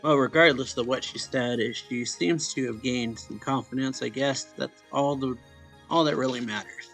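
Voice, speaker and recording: For a let's play, a man reads a visual novel's story text aloud, stumbling and repeating phrases in a halting delivery. His mid-range voice is a bit bright with noticeable vocal fry, and faint music plays behind him on a low-quality recording.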